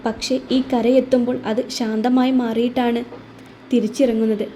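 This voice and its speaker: A feisty young wife in a storybook romance, voiced by a woman narrator. She answers back quickly and speaks her mind. The voice is high and soft-toned. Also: flat delivery, slight background noise, close to an everyday voice. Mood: reflective. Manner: sassy, quick retorts, thoughtful. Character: spirited young wife, sharp-tongued and loving.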